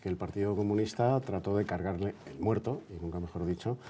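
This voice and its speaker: This man interviews a guest as host of a TV programme, talking at a quick pace with a lowish, dark voice against slight background noise. He's conversational but hesitant, repeating words as he goes and adding short checking tags.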